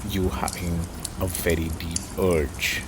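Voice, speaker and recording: A man with a deep, gravelly voice muses reflectively in short, halting phrases, pausing often as he thinks. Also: level tone. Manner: halting, pensive delivery in short broken phrases. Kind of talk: slow reflective spoken musing. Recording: clearly noisy ambient background.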